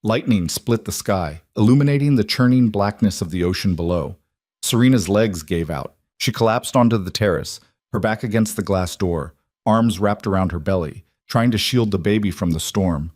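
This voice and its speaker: A man reading a dramatic story aloud in a slow, heavy, measured narration. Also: lowish voice, darkish tone, dry recording, studio quality.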